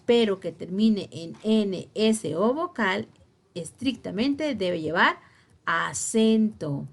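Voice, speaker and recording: A woman teaches a spelling lesson at a slow, careful pace. Her voice sits at a middling pitch. She leans on the key words and keeps asking her class if they follow. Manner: slow, deliberate, stresses key words and checks understanding.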